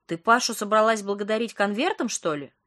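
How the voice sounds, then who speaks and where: A woman's voice: mid-range voice, brisk, a bit bright, close to an everyday voice. A woman reading an audiobook, voicing a sleepy young female friend who teases in a sardonic, grumpy way. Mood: teasing.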